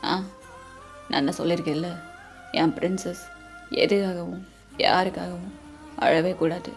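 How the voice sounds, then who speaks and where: A woman voicing a gentle, loving father who talks softly and soothingly, with faint music underneath. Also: high-pitched, little pitch movement, measured pace, vocal fry, pitched below the performer's own voice. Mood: tender soothing. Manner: soothing, hushed.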